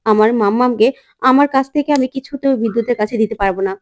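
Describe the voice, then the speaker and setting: A woman narrator voicing a desperate, determined young mother from a serial drama, insistent and pleading. Her voice sits a little high. She repeats herself for emphasis. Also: very fast, highs cut off, natural voice.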